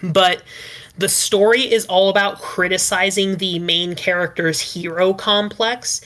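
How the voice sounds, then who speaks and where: A woman's voice: medium pitch, fairly even intonation, a little slow, a bit bright. A woman on a casual podcast call, explaining her views at length in an earnest way, with lots of "like"s. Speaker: podcast panelist and ASMR script writer.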